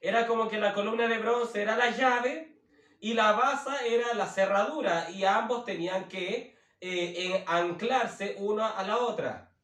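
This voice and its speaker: Slow high-voiced man teaching the Bible. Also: a bit bright, far from the mic. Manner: slow, repeats and rephrases with many fillers. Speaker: preacher. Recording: roomy, from away from the mic.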